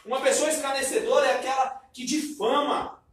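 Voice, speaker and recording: A man preaching a sermon, loud and emphatic, and he says himself that he talks loudly. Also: very high voice, fairly even intonation, a little fast. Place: church sanctuary. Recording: echoey church hall from far off.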